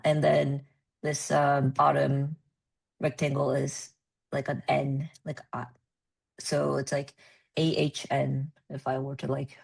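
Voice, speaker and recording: A woman presenting at a research meeting, explaining with many ums and pauses. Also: very deep voice, creaky, slightly rough. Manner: hesitant, many ums and uhs.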